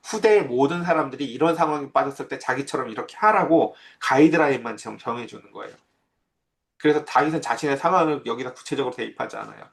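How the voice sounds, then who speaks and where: A man's voice: medium pitch, fast talker, vocal fry. A man preaching a sermon as pastor, in a conversational way that keeps asking his listeners questions.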